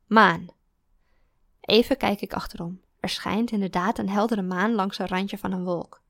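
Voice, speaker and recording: A woman narrates a first-person story in a calm, even way. Her mid-pitched voice has a gravelly, creaky texture, and the recording is dry, with almost no room sound. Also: normal speed, dry recording.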